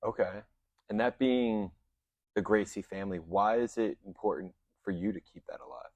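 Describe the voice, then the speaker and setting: A man's voice: on the low side, moderate pace, a little mellow, dry recording, muffled recording. A man hosting a podcast in a studio, hyping up his guest and asking short questions. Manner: hype-man introductions, short questions and backchannels. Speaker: podcast host. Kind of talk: interview hosting.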